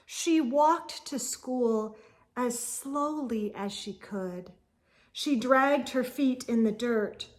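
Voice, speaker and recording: A woman reading a children's picture book aloud in an expressive, theatrical way, lingering on words. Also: fairly high pitch, extremely slow. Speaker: storytime reader.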